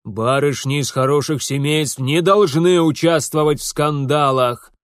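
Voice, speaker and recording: A man's voice: on the high side, measured pace, no room sound, clean studio sound, close to an everyday voice. A man voicing a portly, enraged noble father who bellows and blusters in an audiobook. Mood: furious. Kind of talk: audiobook character voice.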